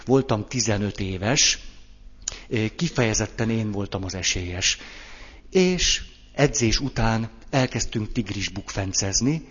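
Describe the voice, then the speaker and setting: A man with a low, husky voice giving a measured, personal talk. He acts out small everyday examples as he goes. The sound is dull and lo-fi, with a long reverb from a large hall. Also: expressive, fairly bright tone. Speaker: speaker. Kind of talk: lecture-style talk.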